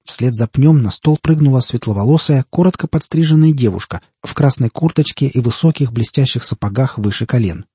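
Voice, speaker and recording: Husky male audiobook narrator. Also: mid-range voice, fairly quick, hardly any pauses, mellow, dry recording. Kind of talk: scripted fantasy narration.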